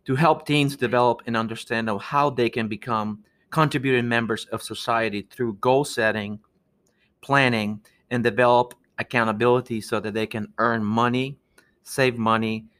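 Earnest Peruvian-born man, halting speech. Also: mid-range voice, fairly even intonation, fairly bright tone. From Peru. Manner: earnest, halting with many restarts. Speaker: guest, architect. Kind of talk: podcast interview.

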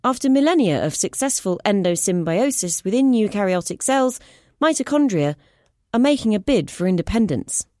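A woman's voice: mid-range voice, lively intonation, moderate pace, darkish tone, dry recording, voice pushed up, lightly acted. Snappy impatient lady scientist explaining stuff, kinda lecturing, a woman reading it, dry close mic. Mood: urgent lecturing. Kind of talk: audiobook reading.

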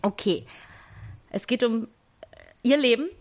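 A woman voicing a formal, impatient female university examiner in an improvised comic role-play, asking questions slowly and deliberately. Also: fairly high pitch. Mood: patient.

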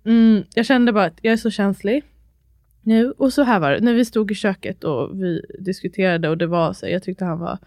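Animated Swedish-speaking woman, dry sound. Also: mid-range voice, dry recording. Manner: animated, laughing storyteller, mixing in English phrases. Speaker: podcast co-host. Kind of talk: casual chat.

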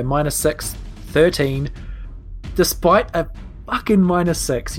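A game master casually narrating a tabletop game and explaining the rules. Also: mid-range voice.

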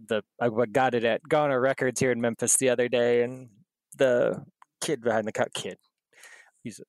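A man's voice: medium pitch, no echo. A man hosting a podcast in a rambling, casual chat full of fillers and laughs. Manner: rambling and chatty, many fillers, laughs often. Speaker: podcast host.

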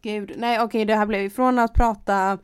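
A woman's voice: mid-range voice, steady tone, smooth, no echo, clean studio sound. A woman co-hosting a casual podcast chat over a call, talking in a loose, hesitant way with fillers and restarts. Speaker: podcast co-host. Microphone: remote call with a poor connection.

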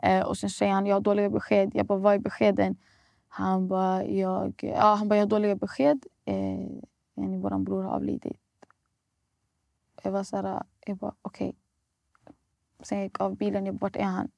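A woman's voice: mid-range voice, monotone, creaky, pauses often, darkish tone, dry recording. A young woman, a guest recounting a painful personal story and acting out the dialogue. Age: young adult. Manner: retells events acting out quoted dialogue, many fillers. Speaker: guest poet.

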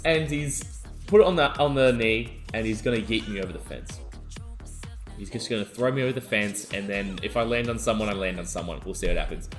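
A man co-hosting a podcast, telling a rowdy story in casual chat and swearing as he acts out the shouting. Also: on the low side. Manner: animated, swearing, acts out shouting in his stories. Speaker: podcast co-host.

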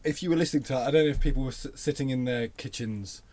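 A man with a Northern English accent and flat vowels, chatting as a podcast host in a halting, self-deprecating way. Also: mid-range voice. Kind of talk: casual literary podcast chat.

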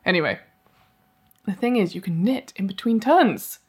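A woman's voice: mid-range voice, expressive, moderate pace, breathy edge. Chatty woman, rambling asides. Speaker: podcast co-host. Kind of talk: casual chat. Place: live event venue.

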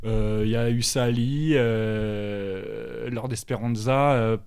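A man's voice: medium pitch, fairly even intonation, slow pace, darkish tone, smooth. A young man from Paris, a musician guest, chatting casually with many fillers and repeated words. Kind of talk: casual podcast chat.

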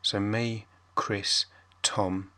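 A man casually introducing a podcast as its host, deadpan, rambling and sweary. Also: lowish voice, drawn-out words.

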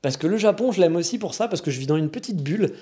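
A man's voice: a little high, expressive, fast talker, mellow. A man from France with a French accent, talking in a rambling, frank, slangy casual monologue. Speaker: vlogger living in Japan.

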